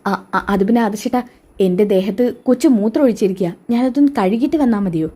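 A woman's voice: mid-range voice, fairly quick, mellow, breathy edge, lightly acted. A woman voicing a frightened, guilty young husband who stammers and pleads. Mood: pleading.

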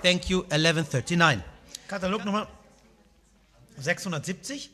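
A man's voice: high-pitched, moderate pace, sharp tone, slight background noise. A man in his thirties working as an auctioneer, calling out and repeating bid amounts in a live saleroom, switching between German and English. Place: auction saleroom at a rostrum, indoors. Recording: reverberant hall sound.

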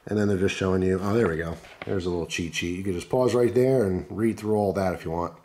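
Male gear reviewer, hoarse and congested with flu, lowish pitch, casual unscripted chatter. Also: fast talker, background noise. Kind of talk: casual unscripted product commentary. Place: indoors at a wooden table.

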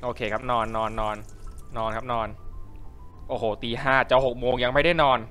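A man's voice: mid-range voice, fairly even intonation, normal speed, pushed and bright. A young man giving playful, chatty commentary while playing a life-simulation game, talking to his viewers. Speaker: game streamer. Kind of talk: casual gameplay commentary. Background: faint game music.

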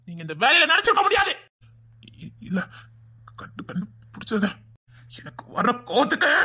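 A performer with a Tirunelveli Tamil accent acts a furious father in a family drama, scolding, shouting and threatening over a missing daughter. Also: mid-range voice. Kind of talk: village family drama acting.

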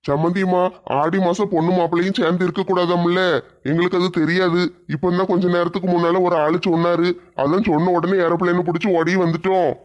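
A man's voice: sits high, level tone, fairly quick, lo-fi sound, close to an everyday voice. A man playing an earnest middle-aged father in a comedy skit, explaining plainly.

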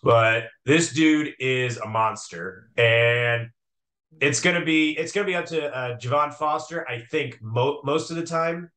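A man's voice: mid-range voice, measured pace, bright, forceful tone. A man co-hosting a sports podcast, talking casually about an upcoming college football game, with frequent fillers and restarts. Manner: conversational, hesitant with fillers and restarts.

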